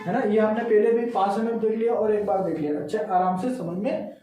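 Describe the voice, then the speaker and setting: High voiced guy teaching a class, keeps asking questions and counting out loud, mellow tone, super echoey room heard from far off. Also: steady tone, a little fast, soft background music. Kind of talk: classroom lesson with call-and-response.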